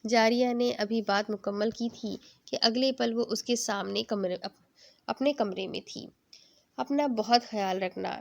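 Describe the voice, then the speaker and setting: A woman reading a romance novel aloud in a steady, gentle manner. Her voice sits fairly high, and the narration flows evenly like a storybook reading. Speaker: novel reader.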